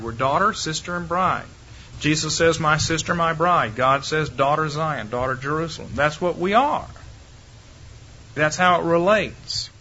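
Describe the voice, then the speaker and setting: A man giving a Bible lecture to a live audience, emphatic and demonstrative, speeding up and slowing down and shifting loudness to make his points. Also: fairly high pitch. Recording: dull lo-fi archive recording with faint hiss.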